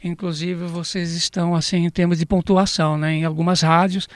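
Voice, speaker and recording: A man's voice: a little high, level tone, fairly quick, dry recording. A man hosting a radio interview, asking long, winding questions full of tag questions. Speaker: radio host.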